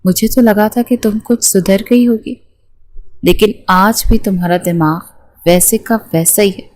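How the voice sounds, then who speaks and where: A woman's voice: mid-range voice, steady tone, a little mellow, a little hiss or hum, close to an everyday voice. A woman voicing a bossy young groom in a romance novel reading, teasing and scolding his bride. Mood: angry.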